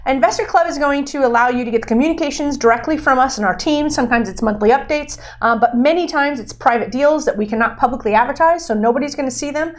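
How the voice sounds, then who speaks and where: A woman's voice: sits high, quick pace, hardly any pauses. A woman co-hosting a podcast, talking frankly and casually, with plenty of fillers. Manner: chatty, frank, with many fillers. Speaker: podcast co-host.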